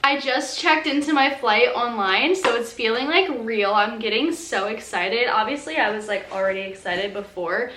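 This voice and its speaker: Young woman, casual vlog chat, frequent "like" fillers, slightly high pitch, echoey home room, faint background noise. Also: moderate pace, hardly any pauses, sharp tone. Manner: chatty, fills speech with "like". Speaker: lifestyle vlogger.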